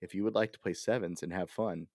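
A man co-hosting a casual podcast, rambling and swearing with lots of fillers, excitable. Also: deep voice, fast talker, no room sound, studio quality. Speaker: podcast co-host.

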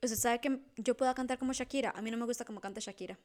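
A woman's voice: a little high, very fast, darkish tone. A young woman with a Costa Rican accent co-hosting a podcast, chatting in a playful, self-mocking, slangy way. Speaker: podcast co-host. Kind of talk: casual chat.

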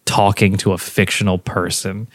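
A young man co-hosting a casual podcast, jokey and quick to laugh. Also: low voice, no echo. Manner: animated, laughs often, jokey. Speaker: podcast co-host.

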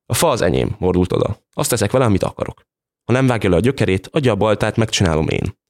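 A man's voice: fairly low pitch, lively intonation, a little mellow. Man reading a fed-up middle-aged woman, curt, blunt, defiant, storybook reading.

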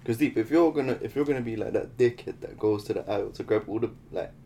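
A man's voice: medium pitch, fast talker, mellow. A young man with a London roadman accent and slang, talking casually among friends. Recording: background noise.

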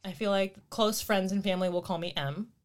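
A woman's voice: medium pitch, fairly even intonation, fairly quick. Woman in her 30s chatting with her cousin, laughs a lot, talks loose and easy. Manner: chatty, laughs often, acts out quotes. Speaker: podcast co-host. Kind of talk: casual chat between cousins.

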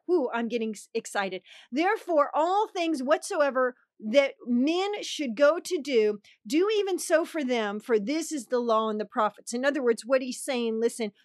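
A woman preaching a fervent prophetic sermon, reading scripture slowly and calling out prayers with repeated exclamations. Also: sits high, dry recording, studio quality. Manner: fervent, exclaiming "come on" and "hallelujah"; reads scripture slowly and drawn out.

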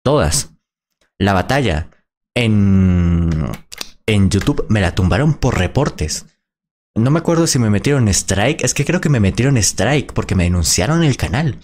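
A man's voice: lowish voice, expressive, unhurried, a little mellow. Indignant swearing man. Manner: indignant, blunt, swears freely. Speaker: small content creator reacting to a freestyle battle. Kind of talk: casual reaction commentary.

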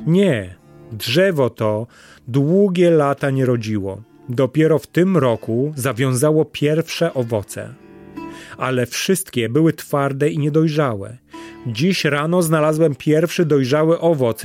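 A man's voice: medium pitch, takes it slowly, darkish tone, faint music behind, close to an everyday voice. A man playing a frightened male court gardener who begs and explains himself fearfully. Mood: explaining. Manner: fearful, begging.

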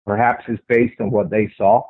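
Over a tinny radio line that sounds like a phone, an interview guest recounts a sighting he had himself. His strong voice sits on the low side, level in tone and at normal speed, with no echo, and he speaks conversationally, repeating phrases to stress them.

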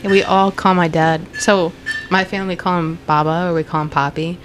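A woman's voice: lowish voice, fairly even intonation, brisk, soft background music. A young woman, the daughter of a restaurant owner, chatting casually as a guest with lots of "like" and "you know". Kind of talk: casual chat.

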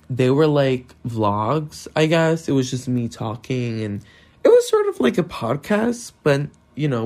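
A man's voice: medium pitch, a little mellow. A nineteen-year-old man from Brazil hosting a solo podcast, talking anxiously and rambling, with lots of fillers and swearing, recorded on his phone. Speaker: podcast host.

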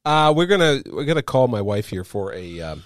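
A man's voice: mid-range voice, sing-song, fairly quick. A man co-hosting a casual podcast chat, telling stories animatedly and laughing often. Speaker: podcast co-host.

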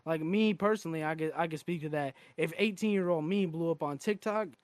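A man's voice: a little high, fairly quick, dry recording. A man in his twenties hosting a podcast, frank and casual, swearing freely. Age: 20s. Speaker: podcast host.

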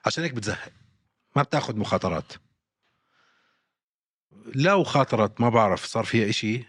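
A man's voice: medium pitch, expressive, a little fast, fairly bright tone, slightly rough, no echo, studio quality. A man, co-hosting a casual sports podcast and emphatically repeating his points. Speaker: podcast co-host.

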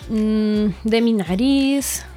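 A woman's voice: on the high side, extremely slow, over music. A woman with a Mexican accent, a guest on a casual podcast, talking in a laid-back, rambling way with many tag questions.

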